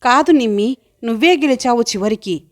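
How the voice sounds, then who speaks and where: Caring young woman, affectionate and coaxing, slightly high, for an audiobook, read by a woman. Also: moderate pace, close to an everyday voice. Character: warm caring young woman, loyal friend.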